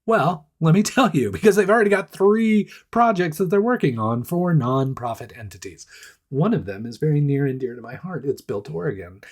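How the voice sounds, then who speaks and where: A man hosts a casual startup news rundown, chatty and self-deprecating, his voice hoarse, stuffed up and nasal. He speaks with fairly high pitch, expressively, at a moderate pace.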